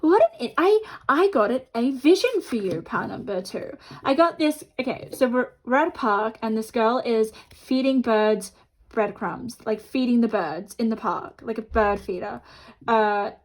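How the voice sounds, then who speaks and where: A woman with a fairly high voice hosts a chatty tarot card reading, addressing viewers directly. She talks with half of her mouth numb from the dentist. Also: animated, a little slow. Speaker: tarot card reader and host.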